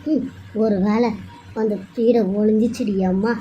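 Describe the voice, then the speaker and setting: A woman's voice: a little high, little pitch movement, measured pace, dark tone, highs cut off, a little hiss or hum, natural voice. A woman voicing a scheming, bossy middle-aged mother-in-law in a cartoon serial, talking with a sneer.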